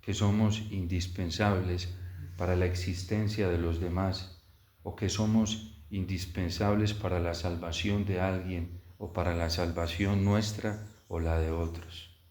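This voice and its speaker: A male priest delivers scripture and homily in a solemn, measured way. His voice is fairly low and very unhurried, carried by strong cathedral-like echo. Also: fairly even intonation, a little mellow. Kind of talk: solemn liturgical Gospel reading and homily. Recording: echoey, cathedral-like church reverb.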